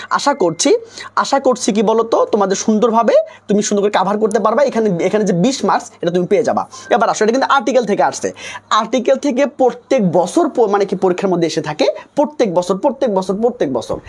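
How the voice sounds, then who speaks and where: A young man teaching English for nursing exams in a live online class, coaxing students and repeating himself as he quizzes them. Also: sits high.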